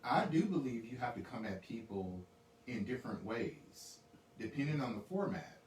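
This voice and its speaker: A man's voice: medium pitch, animated, a little mellow. Hesitant man pushing back, echoey room. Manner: hesitant, measured, pushes back with questions. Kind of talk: casual discussion. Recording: echoey room, far from mic, faint noise.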